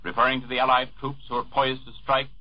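A man reading war news as a radio newscaster in a formal, measured way, heard through an old 1940s radio broadcast recording. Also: mid-range voice, flat delivery. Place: network radio studio. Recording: dull lo-fi 1940s radio archive.

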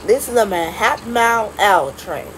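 A woman making recorded subway train announcements, stop by stop in a flat, measured announcer delivery. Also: mid-range voice, slight background noise, poor audio.

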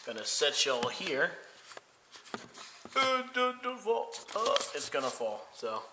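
This man in his thirties talks slowly in a fairly high voice that swings widely in pitch, rambling through a casual home vlog packed with fillers. He films on a handheld phone at arm's length while moving around his bedroom and living room. The recording has strong echo from the bare room plus faint noise.

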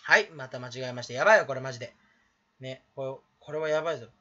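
A teenage small YouTuber rambles to camera in a self-mocking comedy vlog, cracking jokes and scolding himself, recorded on a camera mic in a small room. He talks fast at a medium pitch with a sharp tone, and the audio sounds dull.

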